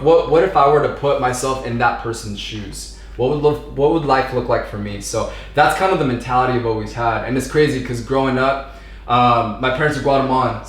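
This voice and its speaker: This podcast guest is a Southern California man in his thirties who chats casually, drifting along with slang and filler words. His voice sits in the middle range, and the room gives off a clear echo.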